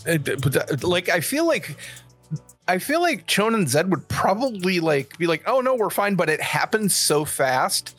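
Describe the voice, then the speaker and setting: Male tabletop player, relaxed and halting, somewhat high voice. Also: breathy edge, faint music behind. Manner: relaxed, halting with restarts and asides. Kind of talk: casual chat, role-playing his character.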